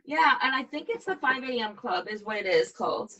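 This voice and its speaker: Chatty woman host, slightly high voice. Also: expressive, brisk, over a noisy crowd. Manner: chatty, rambling, laughs often. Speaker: podcast host. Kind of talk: casual interview chat. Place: home call. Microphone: video call.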